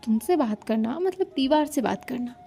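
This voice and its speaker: A woman's voice: high-pitched, animated, normal speed, creaky, warm tone, husky, soft background music, full character voice. A woman narrator voicing a playful, teasing young woman who jokes her way out of trouble.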